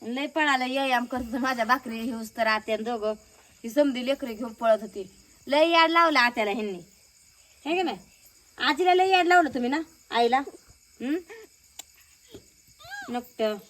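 A woman's voice: fairly high pitch, normal speed, pauses often, a bit bright. A young woman chatting casually in a home vlog, coaxing a toddler with questions. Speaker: village vlogger.

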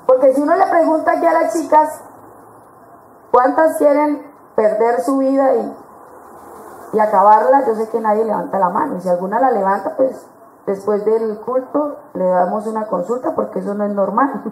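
Woman preacher at a women's conference, high-pitched and animated, miked in an echoey hall. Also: moderate pace, slight background noise. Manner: lively, acts out quoted voices of others.

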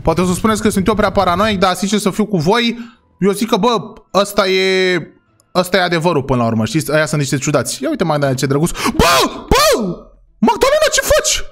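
Excitable high-voiced man commenting a game. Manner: excitable, exclaiming, talks straight to viewers. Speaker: gaming channel host. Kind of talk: role-play game commentary to viewers.

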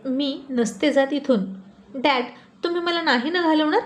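A woman's voice: on the high side, normal speed, darkish tone, lightly acted. Woman playing a pouty pampered little sister. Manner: whiny and pleading. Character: pampered, sulky young adult sister.

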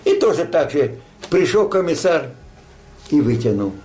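A man's voice: a little high, very animated, normal speed, darkish tone. An older man telling a war story like a grandpa, rambling and colloquial, acting out dialogue. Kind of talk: casual oral war storytelling.

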